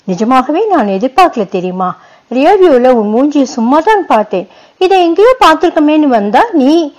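A woman's voice: on the high side, lively intonation, poor audio. A woman voicing a cheerful, teasing young woman who chats playfully with an old friend. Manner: playful, chatty, quick to laugh.

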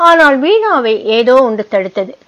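A woman reading a short story aloud in calm, measured storybook narration. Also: high-pitched. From United States (Boston). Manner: calm, measured storytelling, voicing the characters' lines.

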